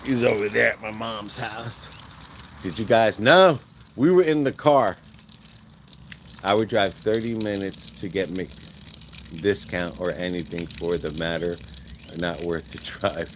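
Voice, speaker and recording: A man's voice: on the low side, measured pace, long pauses, noisy background. A man chatting casually and rambling while he shows his garden outdoors on a live stream. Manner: rambling, chatty, laughs often, folksy. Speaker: vlogger.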